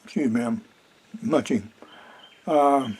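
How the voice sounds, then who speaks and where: An older man vlogging quietly from a duck blind while turkey hunting, in a rambling, folksy way. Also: mid-range voice, takes it slowly, slightly rough, rough recording. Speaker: hunter vlogger. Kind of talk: casual outdoor vlog.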